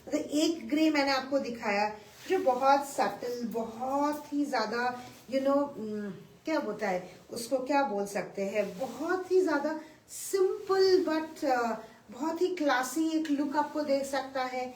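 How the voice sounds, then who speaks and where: This saree seller speaks slowly and eagerly in a slightly high, slightly mellow voice, blending Hindi with English and going back over the main points. She's distant from the mic in an echoey room, with a little background noise during the live stream.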